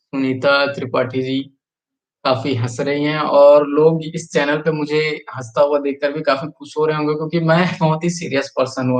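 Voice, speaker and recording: Chatty higher-voiced man on a live stream. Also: rough recording. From Chhattisgarh, India. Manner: chatty, reads out viewer comments and urges likes. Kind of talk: casual live-stream chat.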